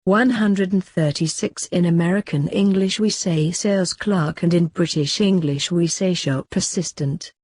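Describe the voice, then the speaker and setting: A man teaching English vocabulary, reading a numbered word list in a slow, even, repetitive way. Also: sits high, no echo. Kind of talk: slow scripted vocabulary lesson.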